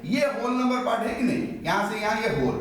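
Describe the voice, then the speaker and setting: A higher-pitched man teaching maths, his voice rising and falling a lot as he works through an example on the board. He keeps asking questions and then answers them himself. The sound is very echoey, and he stands some way back from the mic. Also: animated, fast, a bit bright, far from the mic, slight background noise. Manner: explains step by step, asks and answers his own questions. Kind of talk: classroom maths lesson at a board.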